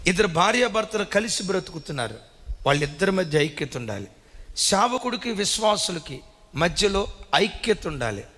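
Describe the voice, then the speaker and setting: A man preaching a sermon as pastor, swinging his pitch widely and calling for amens. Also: sing-song, moderate pace, a bit bright. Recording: reverberant hall.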